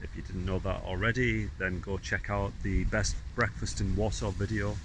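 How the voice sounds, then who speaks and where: A man chatting casually to camera while walking around a city, relaxed and laughing easily. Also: deep voice, moderate pace. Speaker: travel vlogger. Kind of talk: casual travel vlog. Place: outdoors in a city and a park. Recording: outdoor street noise behind.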